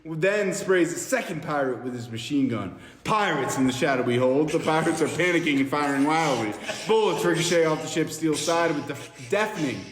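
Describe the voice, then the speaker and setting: A podcast host theatrically reads the narration of an action film script aloud among friends, occasionally tripping over words. His voice is on the high side and animated, at a moderate pace with hardly any pauses, in an echoey room with faint noise.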